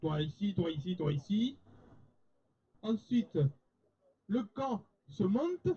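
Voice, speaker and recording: A man's voice: high voice, lively intonation, slow, mellow, husky. A young man at a camp evening show telling a comic made-up daily routine in a put-on Marseille accent, playful and mock-boastful. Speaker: camp staff member playing a stage game. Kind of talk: improvised comic monologue. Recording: dull lo-fi sound.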